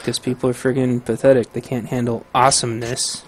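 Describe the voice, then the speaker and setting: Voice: mid-range voice, level tone, fairly quick, very noisy. A person joking around in a casual group chat, wisecracking and often amused, over a voice chat line.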